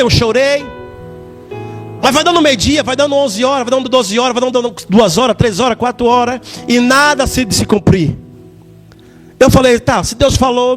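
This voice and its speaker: A man giving a fervent church testimony in a sing-song preaching manner, repeating words and rising to shouts. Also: very high voice.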